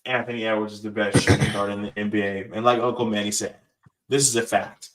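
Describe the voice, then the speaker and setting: A man's voice: lowish voice, little pitch movement, quick pace, distant mic, low-quality recording. A man hosting a casual sports podcast, confident and pressing his guests for answers. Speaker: podcast host.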